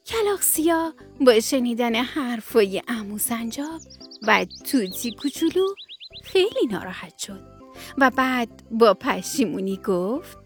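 High-voiced woman telling a bedtime story. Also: expressive, faint music behind. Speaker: bedtime storyteller on a children's radio. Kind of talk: scripted bedtime story narration.

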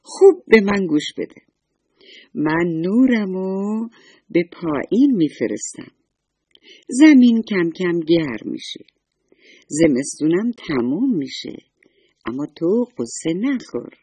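A woman's voice: fairly low pitch, very animated, pauses often, mellow, husky, no room sound. A woman voicing a cheerful, motherly sun who talks in a coaxing, affectionate way in a children's story. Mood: soothing. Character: kind motherly sun lady, cheerful and soothing.

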